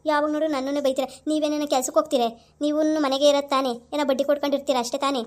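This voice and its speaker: A young village wife, played by a woman who pleads and defends herself. Her voice is high and sits fairly level. She answers every accusation in a steady way. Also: fairly quick, lightly acted. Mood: defensive. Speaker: actress. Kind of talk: village family drama.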